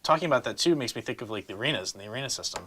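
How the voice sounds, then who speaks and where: A man's voice: medium pitch, lively intonation, racing, sharp tone, a little hiss or hum. A middle-aged man on a panel, talking casually with many fillers and restarts and frequent laughs.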